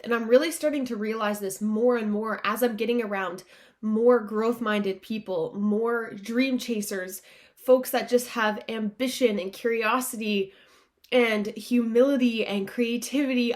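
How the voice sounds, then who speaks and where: A woman podcast host with a nasal, stuffed-up voice, as if pinching her nose from allergies, speaking earnestly and informally to listeners in a motivational self-help style. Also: on the high side.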